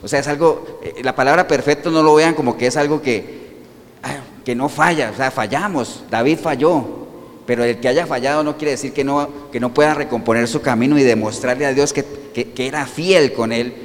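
A male pastor preaching a sermon, animated, asking the congregation rhetorical questions and answering them himself. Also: mid-range voice, moderate pace, big-room sound.

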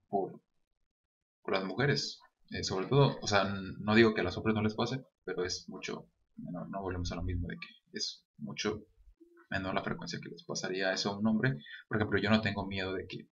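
Young mexican guy vlogging a story, kinda low voice, muffled lo-fi audio. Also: normal speed. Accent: Mexican Spanish. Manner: earnest, self-conscious anecdote telling. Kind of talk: casual storytelling to camera. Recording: dull lo-fi sound.

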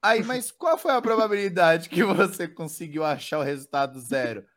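A speaker chatting casually, telling a story with frequent laughter. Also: mid-range voice. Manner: laughing, lively, slow-paced. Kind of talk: casual chat.

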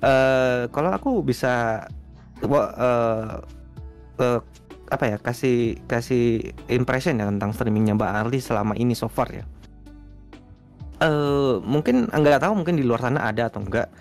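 A man, a guest streamer, chatting casually in an interview, relaxed and rambling with lots of fillers. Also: medium pitch, measured pace, long pauses, faint music behind.

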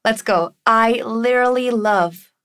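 A Brazilian woman with a high voice leads an English lesson, her first language Portuguese. She drills short phrases at an unhurried, careful pace for the listener to repeat, then explains them quickly between the drills. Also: a bit bright. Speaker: English teacher.

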